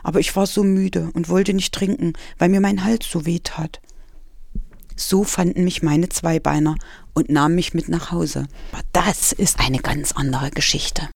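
A woman author reading her own children's story aloud in an expressive storytelling manner. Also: fairly low pitch, normal speed, creaky, dry recording.

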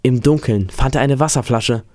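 A man reads a novel aloud in a calm, steady way. His voice is of average pitch. The sound is dry and close, with no room echo. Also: moderate pace. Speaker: reader.

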